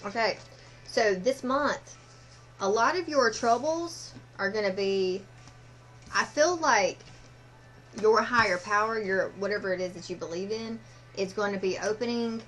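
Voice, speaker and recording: A woman fortune teller giving a casual card reading, speaking haltingly and directly to the listener. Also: mid-range voice, fairly bright tone, poor audio. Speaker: fortune teller, tarot and oracle card reader.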